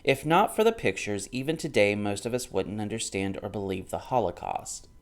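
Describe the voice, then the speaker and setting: A man in his thirties with a fairly low, expressive voice and a moderate pace reads from a book and responds to it. The commentary is casual and emphatic, switching between reading and off-the-cuff argument, and he drives points home through repetition.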